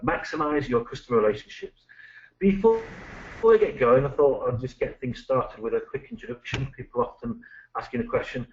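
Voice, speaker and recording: A middle-aged British man, a management consultant, presenting a business webinar with lively, anecdotal, punchy delivery. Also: mid-range voice, fairly quick, slight background noise. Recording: dull lo-fi recording.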